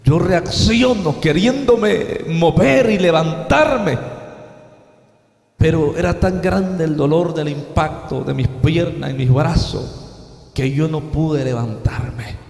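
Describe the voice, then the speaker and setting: A man preaches a dramatic testimony in a high, gravelly voice. His voice rings out with a long reverb, as in a large hall. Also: a little mellow. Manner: dramatic, addresses "hermanos y amigos". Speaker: evangelist. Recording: echoey hall.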